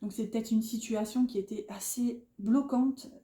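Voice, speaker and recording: Northern french lady doing a card reading, real mellow dark voice, lots of ums, kinda echoey room. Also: on the high side, fairly even intonation, moderate pace. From northern France. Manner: rambling and hesitant, many fillers. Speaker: tarot card reader. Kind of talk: casual spoken card reading.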